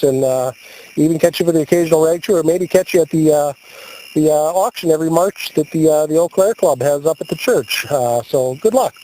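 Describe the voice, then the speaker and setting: A mellow, somewhat high-pitched American man jokes playfully while filming his camping trip as an amateur radio operator at an outdoor campsite. The casual video commentary is captured on a handheld camcorder with noisy outdoor sound.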